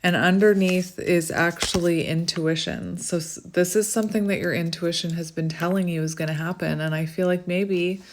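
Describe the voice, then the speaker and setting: A woman's voice: lowish voice, fairly even intonation, moderate pace, few pauses, a little hiss or hum. A woman with a slight lisp from wearing a retainer, doing a casual, chatty card reading in an effusive, giggly manner. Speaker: tarot reader hosting a card reading.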